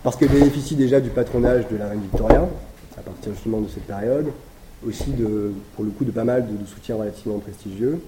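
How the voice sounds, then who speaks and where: A man's voice: fairly low pitch, quick pace. A man giving an academic lecture, talking with many hesitations, fillers and restarts. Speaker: academic speaker. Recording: echoey room with noise.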